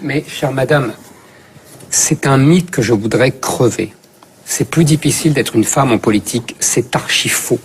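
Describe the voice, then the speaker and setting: A man's voice: medium pitch, moderate pace, slightly rough. A man on a talk show panel, arguing in a combative, emphatic and contrarian way. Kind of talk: studio debate.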